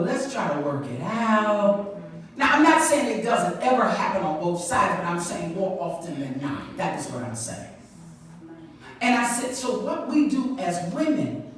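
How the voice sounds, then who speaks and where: Female pastor, lively pitch, far-off mic in a reverberant sanctuary. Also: a little hiss or hum. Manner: conversational preaching, rising to emphatic call-outs to the congregation. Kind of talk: sermon. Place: large church sanctuary. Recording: echoey church hall from far off.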